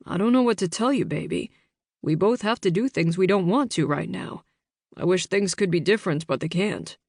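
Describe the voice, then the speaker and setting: A woman's voice: on the low side, normal speed, no room sound, studio quality. A woman playing a weary jailed father. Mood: gentle, resigned. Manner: gentle, turns stern. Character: weary father in jail, soft-spoken.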